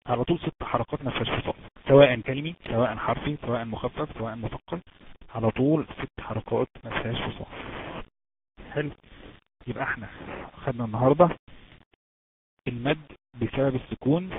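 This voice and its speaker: A man with an Egyptian accent teaching Quran recitation rules in an online lesson, explaining step by step and quizzing his students. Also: medium pitch. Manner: explains step by step, asks students questions, drawn-out chanted examples. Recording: tinny noisy phone-like line.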